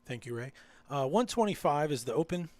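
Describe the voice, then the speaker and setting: A man's voice: a little high, lively intonation, fairly quick, a little mellow, no echo. A man commentating a live poker final table, explaining hands and teasing his co-host in dry banter.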